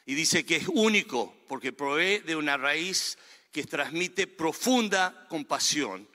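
A man preaching in earnest, his fairly high, bright and forceful voice pressing each point home. His sermon rings through a large church hall with a long, lingering reverb. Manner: earnest, emphatic preaching with rising and falling delivery. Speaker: pastor.

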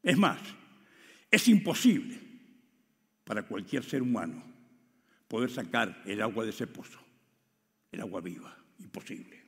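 A man preaching a sermon, swinging between loud exclamations and hushed asides. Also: on the low side, very animated, unhurried, pauses often. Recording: long hall reverb.

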